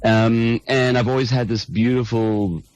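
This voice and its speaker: In this rough recording, with soft background music and no room sound, a band's lead singer chats as an interview guest. He is a middle-aged South African man with a medium-pitched, steady voice and a measured pace. He comes across as thoughtful but hesitant, often restarting his sentences.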